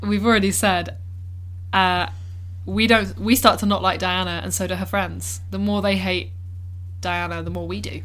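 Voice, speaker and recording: A woman's voice: fairly low pitch, steady tone, normal speed, a bit bright. Woman, podcast co-host, chatty film chat, lots of "like", acts out lines. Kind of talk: casual film-review chat.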